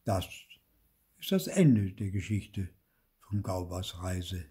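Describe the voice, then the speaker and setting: Husky older man reading a fairy tale. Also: deep voice, slow. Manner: lively, dramatic storytelling. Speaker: storyteller reading a folk tale to children. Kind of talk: storybook reading aloud.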